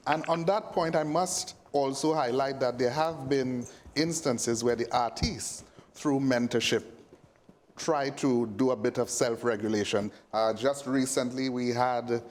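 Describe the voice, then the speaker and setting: A man moderating a panel discussion in a polite, brisk manner. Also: medium pitch.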